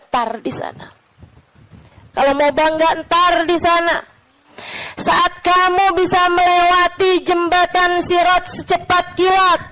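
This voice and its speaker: High-voiced woman preaching a gentle sermon. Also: low-quality recording. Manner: gentle, clear, chatty storytelling; shifts between brisk talk and slow, quiet earnest pleading. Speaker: Islamic preacher.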